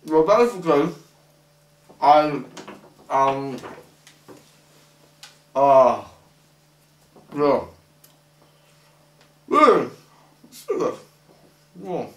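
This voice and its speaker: A young man talking with his mouth full, mumbling a halting, rambling monologue muffled by food as he chews. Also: a little high, expressive. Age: young adult. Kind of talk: halting, rambling monologue to camera while eating. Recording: echoey room, distant microphone.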